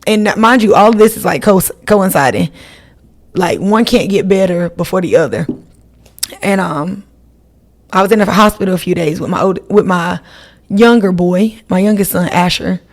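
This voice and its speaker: Woman, 30s, podcast host, casual solo chat, lowish pitch, rambling. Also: moderate pace. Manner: chatty, rambling, talks straight to listeners.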